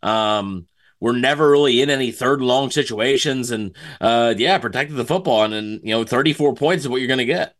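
A man co-hosting a sports podcast, giving casual post-game analysis in a halting, conversational way. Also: mid-range voice.

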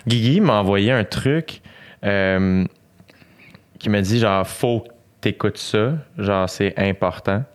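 A man's voice: lowish voice, slow pace. A man with a Québécois French accent in casual podcast chat, laid-back and curious, with short reactions and casual swearing.

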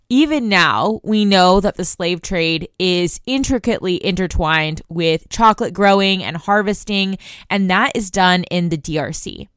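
Smooth, low-voiced woman hosting a news podcast. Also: a bit bright, no echo, studio quality. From United States. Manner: conversational, addresses listeners directly. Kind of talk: news explainer monologue.

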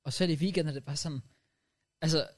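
A young man on a podcast, telling a story in lively casual chat and dropping English slang into his speech. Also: a little high. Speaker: podcast co-host.

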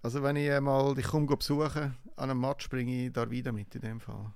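Male interviewer, Swiss German accent, mid-range creaky voice, dry close sound, casual conversational questioning. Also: medium pitch, little pitch movement, fairly quick, a little mellow, no room sound.

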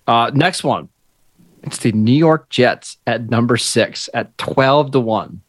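Male co-host, even and matter-of-fact, deadpan humor, dry close sound. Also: mid-range voice, slow, no room sound. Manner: matter-of-fact, reads odds, dry quips. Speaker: podcast co-host, football analyst. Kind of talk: casual sports podcast chat.

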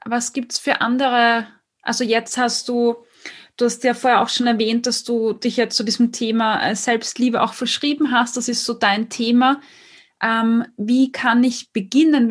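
A woman's voice: fairly high pitch, steady tone, unhurried. A woman hosting an interview podcast, asking questions hesitantly with many fillers and affirming her guest. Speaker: podcast host. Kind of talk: casual interview conversation.

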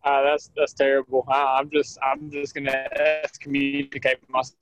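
A man's voice: mid-range voice, little pitch movement, moderate pace, music in the background. A man chatting casually and jokingly as a podcast co-host from inside a truck cab. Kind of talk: casual chat. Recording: dull lo-fi remote call from truck cab.

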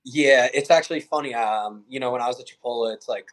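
Telling stories with ease on a podcast, a young-adult college baseball player speaks fast in a mid-range voice during a casual interview. The recording is rough.

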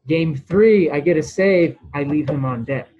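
Man guest, fairly high voice, animated storyteller, muffled lo-fi sound. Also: measured pace, slightly rough. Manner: animated, rambling storyteller who restarts and swears. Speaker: guest, former baseball pitcher. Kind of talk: casual storytelling interview.

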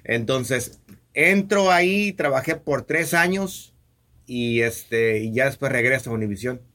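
A male broadcaster, a guest in a casual interview, calmly recounting his work history. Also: mid-range voice, unhurried.

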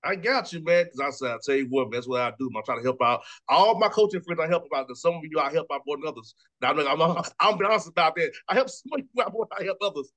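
A man in his thirties, a sports radio host, talking fast and casually, repeating words and laughing often. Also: fairly high pitch, animated, bright, forceful tone. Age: 30s. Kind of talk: casual sports talk interview.

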